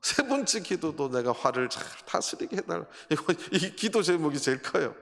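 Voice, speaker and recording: A man preaches a sermon, telling stories and firing rhetorical questions at his congregation. His voice sits on the higher side for a man. The sound rings with the long reverb of a large church hall. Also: very animated, moderate pace, gravelly, a bit bright. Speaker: pastor. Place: church sanctuary.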